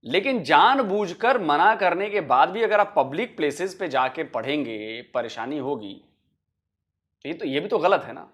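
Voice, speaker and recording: A man's voice: a little high, lively intonation, normal speed, fairly bright tone. A man hosting a reaction video, arguing emphatically and addressing his viewers. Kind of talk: reaction commentary.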